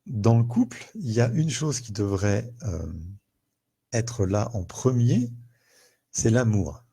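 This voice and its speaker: A man's voice: mid-range voice, sing-song, takes it slowly, vocal fry, warm tone, breathy edge. A man speaking as a therapist in a live talk, thinking aloud, repeating words and acting out everyday scenes to explain emotions.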